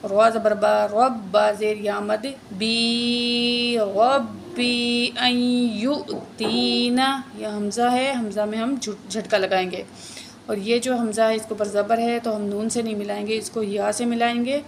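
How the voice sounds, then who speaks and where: A woman teaching a word-by-word tajweed lesson, drawing out each recited word slowly, then spelling letters and vowel marks in quick explanations. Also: mid-range voice, level tone, vocal fry, a little hiss or hum.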